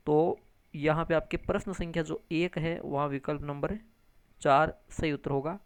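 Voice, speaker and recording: A man's voice: fairly high pitch, little pitch movement, normal speed, vocal fry, smooth, dry recording. A male grammar teacher giving an exam-prep lesson, explaining step by step and answering his own questions. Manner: addresses viewers as friends, frequent tag questions.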